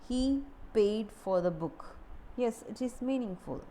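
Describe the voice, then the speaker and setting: A woman teaching a grammar lesson, explaining slowly and repeating key words. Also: a little high, lively intonation, warm tone, slight background noise, low-quality recording. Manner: deliberate, repeats key words, occasional restarts.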